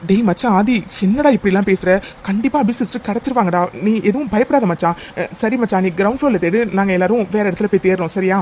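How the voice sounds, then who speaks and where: A brisk, steady cartoon friend, voiced by an actor. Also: mid-range voice, slight background noise, close to an everyday voice. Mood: reassuring. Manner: reassuring, takes charge, calls friends "da". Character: steady young man, brotherly friend calming others. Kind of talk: cartoon dub dialogue.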